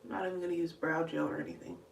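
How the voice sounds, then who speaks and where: A woman's voice: low-pitched, sing-song, very fast, gravelly, slight background noise. A young adult woman chatting casually through a makeup tutorial, talking to viewers as y'all and sounding out of breath. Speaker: beauty livestreamer. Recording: echoey room, voice slightly distant.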